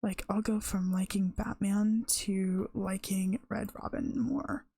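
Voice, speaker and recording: A woman's voice: medium pitch, flat delivery, slow, vocal fry, mellow, breathy edge, no room sound. A woman streamer chatting casually and rambling on a live stream, often breaking off mid-thought. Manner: rambling, chatty, self-interrupting.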